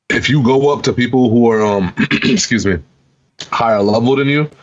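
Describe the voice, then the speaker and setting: A man on a podcast telling a casual gaming story, swearing freely and acting out both sides of the conversation. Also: fairly low pitch. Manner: animated, profane, laughing storyteller acting out dialogue. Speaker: podcast co-host. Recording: dull lo-fi podcast audio.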